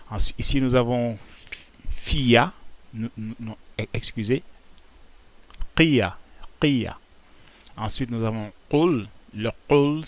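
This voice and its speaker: A man of middle pitch teaches letter sounds with patient, halting explanations, often restarting his words. His voice is close and dry, with no room around it. He sounds out each syllable slowly and carefully for parents following along. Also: dry recording. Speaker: Arabic and Quran teacher.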